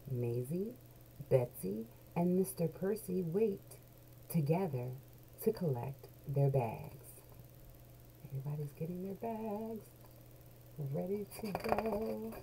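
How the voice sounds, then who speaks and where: A middle-aged read-along host reads a children's picture book aloud at home in a small room, her lowish voice marked by vocal fry. She tells the story in an animated, deliberate way, lingering on key words, and the webcam recording is noisy.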